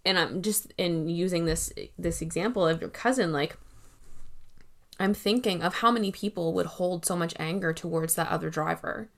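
A woman's voice: on the low side, moderate pace. A woman hosting a podcast, thoughtful and enthusiastic, often restarting her sentences. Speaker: podcast host. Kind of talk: casual podcast chat.

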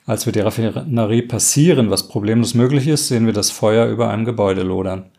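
Calm man reading a story aloud. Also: lowish voice. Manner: calm, measured, corrects himself mid-reading. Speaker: story reader. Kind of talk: first-person story reading.

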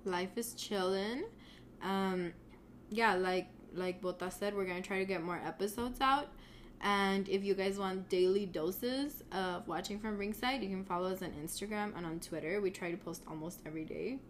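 A woman chats casually as a podcast co-host. She sounds congested, with a stuffy nose and a sore throat from a cold. Her pitch is average and her delivery laid-back, over a noisy background. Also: normal speed.

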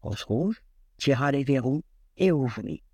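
A man reading a classic fairy tale aloud in an expressive, lilting storyteller manner. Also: medium pitch, measured pace, breathy edge, dry recording.

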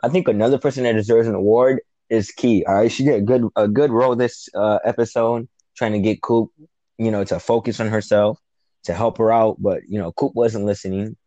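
Animated man recapping with a low dark voice. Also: a little fast, no room sound, muffled recording. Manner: animated, acts out quotes, swears casually. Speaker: podcast co-host. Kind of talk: casual TV episode recap.

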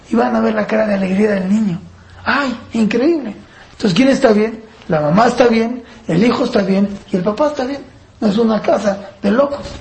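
A woman's voice: fairly high pitch, darkish tone. A woman teaching a parenting class, asking the class rhetorical questions and acting out parent-child dialogue. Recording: roomy echo, faint background noise.

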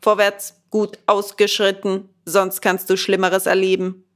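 A woman's voice: fairly low pitch, steady tone, moderate pace, creaky. A woman reading a storybook aloud and voicing a stern male gendarme who barks curt orders. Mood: commanding.

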